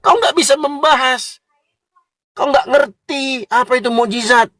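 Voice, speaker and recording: A man's voice: very high voice, a little slow, a bit bright, dry recording, studio quality. A man giving a combative, mocking religious lecture, lecturing listeners directly.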